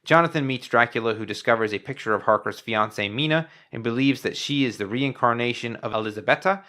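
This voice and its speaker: A podcast co-host in a casual movie review chat, who reads a plot summary in an even, measured way. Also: medium pitch.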